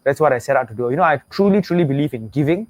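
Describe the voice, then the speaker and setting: Hosting a motivational webinar pitch online, this young Singaporean speaks Singaporean English with energy, repeating points and urging viewers to type their replies. He talks rapid-fire and expressively at a medium pitch, with no room sound.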